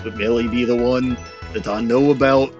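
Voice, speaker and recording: Streamer, male, voice run through a deep pitch-shifting changer, mock-pirate patter, faint music under him. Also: fairly even intonation, moderate pace, dull audio. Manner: playful mock-pirate talk with "aye" and "lad". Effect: voice changer shifting the voice deeper. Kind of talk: rambling livestream commentary.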